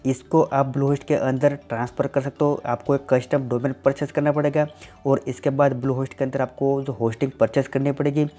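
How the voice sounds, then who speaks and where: Speaking at a normal pace with a dark, flat, mid-range voice, a tech channel host responds to viewer questions. He comes from Gujarat, India, speaks Gujarati as his first language, and explains in a plain way, often repeating "definitely" and "simply."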